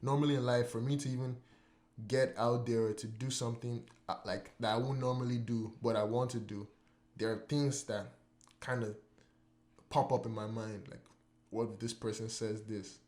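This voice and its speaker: A man's voice: mid-range voice, fairly even intonation, normal speed, darkish tone. A man hosting a casual podcast, mid-range voice, meandering and repeating himself as he works out his point. The recording has a noticeably roomy, echoing sound. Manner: rambling, full of "like" and repeated words. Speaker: podcast host. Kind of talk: casual chat. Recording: roomy echo.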